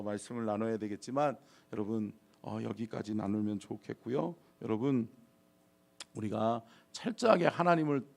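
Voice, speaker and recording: A middle-aged male pastor preaching a dawn sermon, dramatic and swinging from loud calls to near whispers. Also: mid-range voice, gravelly. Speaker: senior pastor. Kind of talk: dawn service sermon and prayer.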